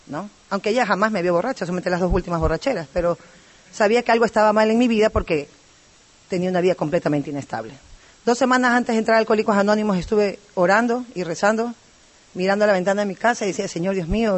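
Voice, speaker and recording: A woman from Ecuador speaks with an Ecuadorian accent as she gives her personal testimony to a recovery group. She is talkative and rambling, piling on asides and tag questions as she goes. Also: mid-range voice. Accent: Ecuadorian Spanish.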